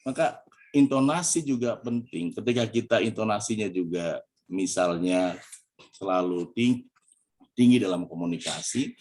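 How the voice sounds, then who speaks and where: An Indonesian man with a low voice gives a motivational religious talk to an audience. He keeps things chatty, drops in "ya" and puts questions to his listeners. Now and then he acts out different tones of voice to show how intonation changes meaning. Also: moderate pace, a little mellow. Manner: chatty, peppers lines with "ya", asks the audience questions. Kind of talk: Islamic study talk with motivational coaching.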